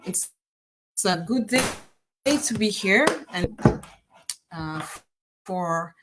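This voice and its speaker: A woman from Congo hosting a live online business interview, encouraging and pausing often with fillers. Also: mid-range voice, slight background noise. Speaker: host.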